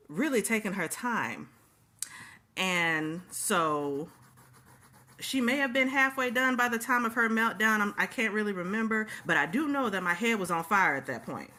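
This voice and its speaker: A woman's voice: mid-range voice, bright, forceful tone. Woman telling an emphatic storytime. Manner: emphatic, repeats key phrases for effect; talks straight to the audience. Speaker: storytime vlogger. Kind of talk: casual storytelling to viewers.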